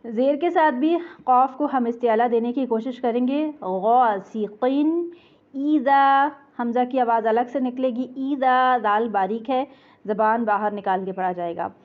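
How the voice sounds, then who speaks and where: A woman's voice: on the high side, moderate pace. A woman teaching Quran recitation, explaining pronunciation rules patiently and breaking words into syllables. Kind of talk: tajweed lesson with slow recited examples. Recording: tinny phone-like audio.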